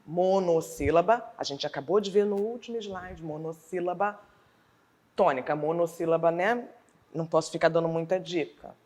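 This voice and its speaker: A woman teacher from Brazil with a Rio de Janeiro accent, explaining a school lesson slowly and deliberately, sounding out words syllable by syllable. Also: on the low side. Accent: Rio de Janeiro Portuguese.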